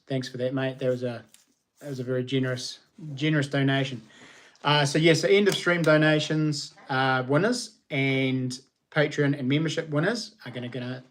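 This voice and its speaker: A man with a broad New Zealand accent hosting a casual livestream, chatting to viewers in an informal, slangy, matey way. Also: fairly high pitch. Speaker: livestream host.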